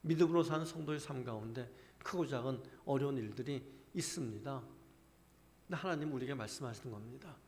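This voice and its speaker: A man's voice: mid-range voice, a little fast. A male pastor preaching a sermon, peppering the congregation with rhetorical questions and pressing his points with mounting force. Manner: asks the congregation many rhetorical questions, building to forceful emphasis. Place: church sanctuary. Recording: long reverb of a church hall.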